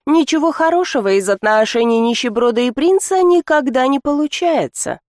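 A woman's voice: high voice, expressive, moderate pace, darkish tone, dry recording, clean studio sound. A woman voicing a catty, scornful young female student in an audiobook, mocking and dismissive.

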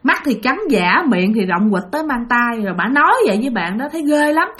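A woman's voice: fairly high pitch, animated, fairly quick, fairly bright tone. A woman telling a ghost story dramatically, speaking directly to her listeners. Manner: dramatic, addresses listeners directly, many exclamations.

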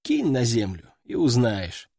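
A man voicing a cheeky young male demonologist hero, cocky and deadpan. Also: mid-range voice, a little slow, breathy edge, dry recording, clean studio sound, voice pushed down, heavily acted.

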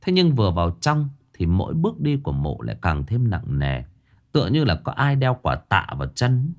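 A man narrating a story in an expressive, playful way. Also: on the low side, normal speed.

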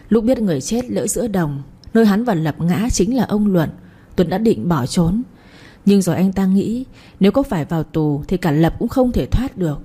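Woman, audiobook narration, steady, husky. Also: medium pitch. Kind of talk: scripted story narration.

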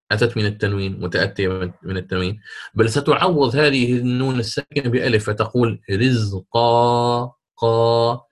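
A man teaching a lesson on Quran recitation rules, explaining step by step and stretching out example words slowly. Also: mid-range voice, a bit bright, husky. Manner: slow, drawn-out example words, repeats for emphasis.

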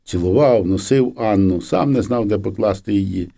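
A man narrating a story in the first person, with expressive, vivid storytelling. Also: lowish voice, normal speed, creaky. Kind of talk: scripted narration.

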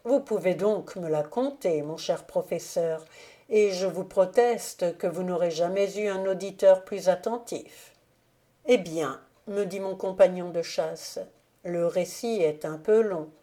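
A woman reading a classic novel aloud as an audiobook narrator, calm and measured. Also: on the low side. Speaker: audiobook reader.

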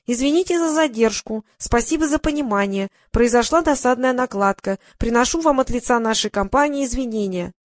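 A woman putting on a squeaky nasal phone clerk. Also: fairly quick, few pauses, close to an everyday voice. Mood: falsely polite. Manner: prim scripted customer-service politeness. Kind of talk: audiobook character voice.

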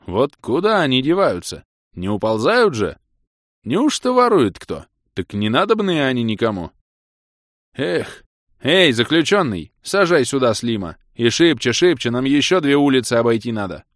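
A man's voice: medium pitch, big pitch swings, moderate pace, a bit bright, no echo, clean studio sound, voice pushed up. A man voicing a stern, officious male town guard who brooks no objection, in a fantasy game audiobook.

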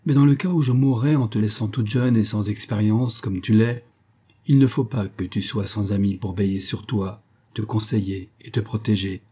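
Give me a man doing a tender, frail father pleading gently in an audiobook, low and husky. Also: normal speed.

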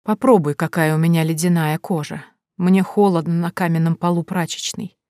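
Женщина изображает призрачного бледного парня. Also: female voice, on the low side, fairly even intonation, normal speed, mellow, no echo, studio quality, close to an everyday voice. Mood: eerie, reproachful. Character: pale young man posing as a ghost, cold and reproachful.

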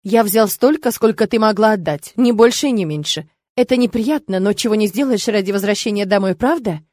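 A smug, cold male demon, as a woman reader puts him on in a fantasy audiobook. He speaks calmly and with a sneer, dry and close to the mic, in a middling voice. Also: medium pitch, a little fast, dry recording, close to an everyday voice. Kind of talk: audiobook character reading.

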